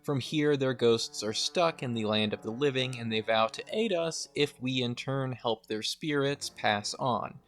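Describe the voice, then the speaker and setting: Conversational young man narrating over soft music. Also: mid-range voice, unhurried, hardly any pauses. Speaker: video game essayist.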